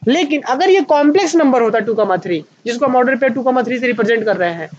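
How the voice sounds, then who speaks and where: A man with an Indian accent teaching a maths class, asking questions and answering them himself and slowing down to dictate notes. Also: extremely high pitch, expressive, lo-fi sound, slight background noise. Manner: slows right down to dictate notes. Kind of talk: online maths lecture at a whiteboard.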